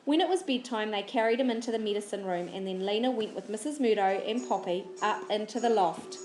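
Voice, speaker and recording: A woman reading a children's novel aloud in a steady, clear storybook narration. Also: medium pitch, a little fast, reverberant. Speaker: audiobook reader.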